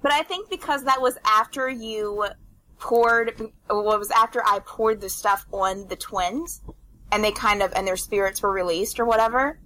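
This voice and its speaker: A woman in casual chat, explaining at length in a halting way with many fillers. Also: medium pitch, pushed and bright, low-quality recording. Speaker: co-host of a game discussion stream.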